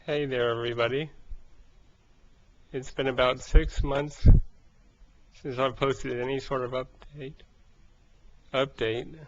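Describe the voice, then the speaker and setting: A man giving a casual personal vlog update, out of breath and speaking haltingly in short broken phrases. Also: medium pitch, fairly even intonation. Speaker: vlogger. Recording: dull, lo-fi sound.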